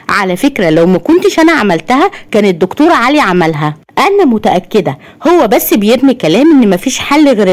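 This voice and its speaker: A woman voicing a proud, quick-tempered young woman doctor with an Egyptian accent, brisk and defensive. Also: fairly high pitch, darkish tone, pitched above the performer's own voice. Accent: Egyptian Arabic.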